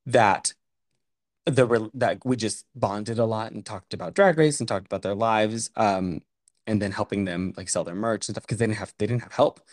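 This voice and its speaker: Lowish-voiced man, rambling podcast host. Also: moderate pace, no room sound, studio quality. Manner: rambling, heavy use of "like" and "um". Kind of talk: casual podcast chat. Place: room in a house. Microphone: condenser microphone.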